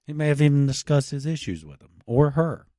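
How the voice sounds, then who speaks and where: A man's voice: on the high side, lively intonation, a little fast, warm tone, no echo, clean studio sound. A man co-hosting a casual true crime podcast, loose and wisecracking, swearing freely. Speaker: podcast co-host.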